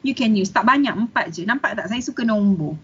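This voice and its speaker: A middle-aged Malaysian woman giving a lively motivational webinar talk, mixing languages and calling on listeners by name. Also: medium pitch, brisk, dull audio, a little hiss or hum. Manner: lively, code-switching, addresses listeners by name. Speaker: webinar speaker, senior lecturer.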